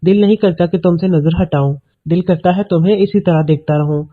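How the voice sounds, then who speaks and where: A teasing middle-aged uncle from a narrated story, read by a man in a fairly high voice with an even, plain delivery. The audio is thin and tinny, like it came down a phone line.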